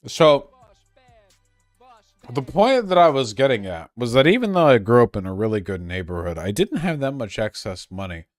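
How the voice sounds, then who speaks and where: A man's voice: medium pitch, sing-song, normal speed, dry recording, clean studio sound, soft background music. A very drunk man rambling on a casual livestream, crude, losing his thread and stumbling over repeated words. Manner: crude, swearing.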